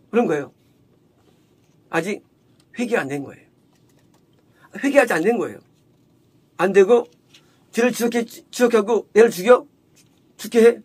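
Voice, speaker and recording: Husky high-voiced male preacher. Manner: asks and answers own rhetorical questions; acts out the quoted woman in a raised, sharp voice. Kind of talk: sermon, Bible exposition.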